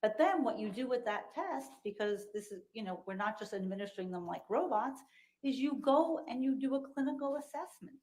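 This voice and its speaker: A woman giving expert testimony as a psychologist, explaining in measured, clinical terms, heard through a courtroom recording. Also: on the high side, expressive, a little mellow. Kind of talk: courtroom testimony under questioning.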